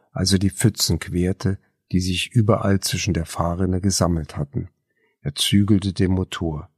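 A man narrating a novel as an audiobook, measured and even. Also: low-pitched, gravelly, slightly rough, dry recording, studio quality.

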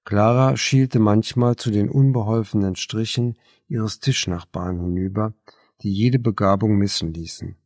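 A man reading a novel aloud as narrator, measured and even. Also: on the low side, no echo, clean studio sound. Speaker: audiobook narrator. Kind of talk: scripted narration.

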